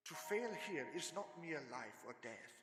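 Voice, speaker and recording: A man playing a grave, commanding older professor who hunts vampires in an old-time radio horror drama, speaking in deliberate oratory. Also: a little high, very animated, noisy background. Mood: solemn warning. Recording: echoey hall with long reverb.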